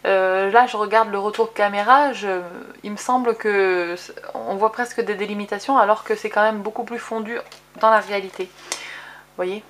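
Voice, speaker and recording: A woman hosting a relaxed craft tutorial, talking her viewers through colour samples. Her delivery is chatty and unpolished, full of hesitations and restarts, and she pokes fun at her own English accent. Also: mid-range voice, moderate pace, slight background noise. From France. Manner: chatty, with many fillers and self-corrections. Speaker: craft video host.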